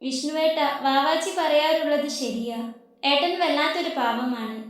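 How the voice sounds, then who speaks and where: A sweet young woman in a storybook who speaks softly and quietly, read by a woman storyteller. Her voice is high, with a heavy room echo. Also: normal speed, soft background music, natural voice. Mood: tender. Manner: soft, quiet. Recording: very echoey room.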